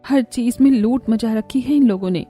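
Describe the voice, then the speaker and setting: A woman's voice: on the high side, normal speed, warm tone, faint music behind, lightly acted. A woman voicing a caring poor mother. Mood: pleading. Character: poor caring young mother, anxious wife. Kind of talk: cartoon voice acting.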